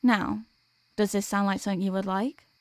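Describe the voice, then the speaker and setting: A woman voices a protective, gentle sleep paralysis demon for an ASMR comfort roleplay, tender and reassuring in her soothing delivery. Her mid-range voice is clear and resonant, steady at a normal speed, close to an everyday voice, with no echo.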